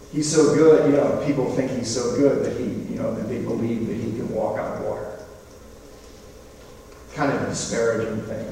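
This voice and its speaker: A man delivers a sermon at an unhurried pace, telling stories in a chatty, conversational way with animated asides. He is picked up from a distance in a large hall, so his voice sounds roomy, with a long reverb trailing behind each phrase. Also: mid-range voice, slight background noise. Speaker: preacher. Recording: echoey hall from far off.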